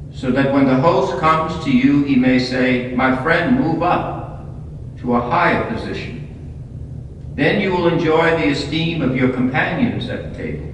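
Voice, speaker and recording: A man, a priest, reading the gospel and preaching at Mass in a measured, deliberate way, heard with a cathedral echo. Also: mid-range voice, a little hiss or hum. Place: large church. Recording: distant, echoey church recording, slightly muffled.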